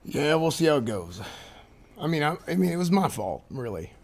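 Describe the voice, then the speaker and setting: A disappointed, weary candidate played by a man in a game role-play. He talks casually and with resignation, his pitch moving freely. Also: big pitch swings, normal speed. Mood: disappointed, resigned. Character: disappointed, weary male losing candidate for sheriff.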